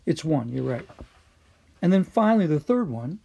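A man's voice: on the high side, big pitch swings, moderate pace, vocal fry, slightly rough, dull audio. A man teaching a recorded Greek lesson, patiently quizzing students and using frequent fillers.

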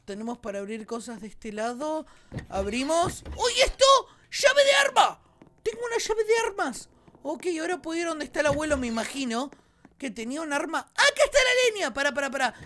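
A young man with a Rioplatense Argentine accent gives excitable gameplay commentary to his viewers. His voice sits high and swoops all over the place. He breaks into shrieks and yells whenever something startles him. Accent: Rioplatense Argentine Spanish. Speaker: gaming YouTuber.

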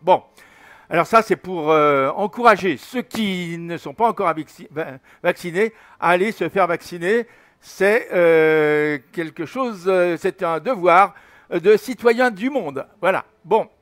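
A man's voice: high voice, a little slow, a bit bright. A man in his seventies giving a casual spoken flight-simulator tutorial, rambling with many fillers and restarts. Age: 70s. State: recovering from fever, slight headache. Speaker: flight sim tutorial host.

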